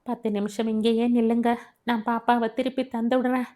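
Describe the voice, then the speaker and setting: A woman's voice: a little high, little pitch movement, normal speed, mellow, lightly acted. A woman voicing a hurt young mother who speaks coldly and commandingly. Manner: cold and commanding.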